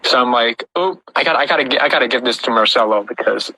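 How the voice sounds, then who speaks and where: Bright-toned man hosting a podcast. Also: mid-range voice, fast talker, husky, no room sound, rough recording. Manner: storytelling with frequent restarts. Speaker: podcast host and puppet creator. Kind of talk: casual podcast chat.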